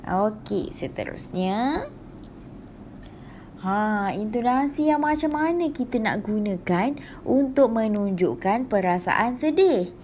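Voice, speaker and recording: Slow-paced Malaysian woman teacher. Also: fairly high pitch, lively intonation, a little mellow, slight background noise. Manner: slow, clear teacherly explaining with many "okey" and "ha". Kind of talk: online lesson for primary pupils.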